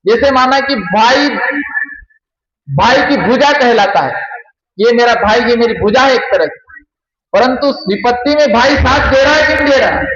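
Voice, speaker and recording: Male preacher, very high voice, sermon style, chants verses, asks rhetorical questions; echoey, muffled recording. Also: animated, a little slow, long pauses, a bit bright. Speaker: kathavachak preacher. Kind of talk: devotional sermon with scripture quotes.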